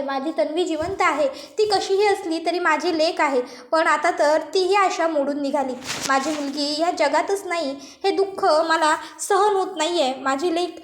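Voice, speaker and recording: A woman voicing a grieving, distraught middle-aged mother who laments her lost daughter in a story retelling. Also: very high-pitched. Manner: lamenting, pleading. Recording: roomy echo.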